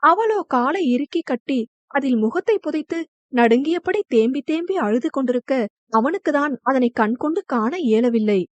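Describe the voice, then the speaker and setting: High-voiced woman reading a novel aloud. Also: animated, moderate pace, no room sound, dull audio. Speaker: audio novel narrator. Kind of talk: scripted narration.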